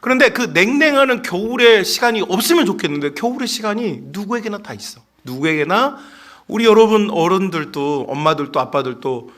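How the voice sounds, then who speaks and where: A man's voice: high voice, lively intonation, a little fast, fairly bright tone. A middle-aged male pastor giving a playful sermon, acting out parents' voices and chatting with the children in the congregation.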